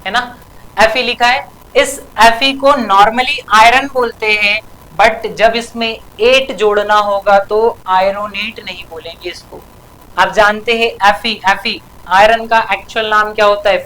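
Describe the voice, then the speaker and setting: A woman's voice: fairly high pitch, fairly bright tone, poor audio. A woman teaching a chemistry lesson for exam prep, asking a question and then answering it herself, adding a tag question after many sentences. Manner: keeps asking and answering her own questions.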